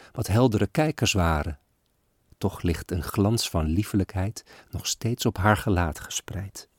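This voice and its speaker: A man giving a solemn, expressive recitation of an old-fashioned story poem. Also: lowish voice, dry recording, studio quality. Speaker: reader. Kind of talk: dramatic poetry recitation.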